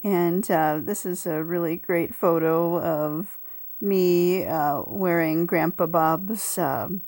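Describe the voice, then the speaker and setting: A woman casually narrating over old family photos, pausing often with ums and uhs. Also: fairly low pitch, darkish tone, no echo, studio quality. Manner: hesitant, with many ums and uhs. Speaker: family historian presenting a tape.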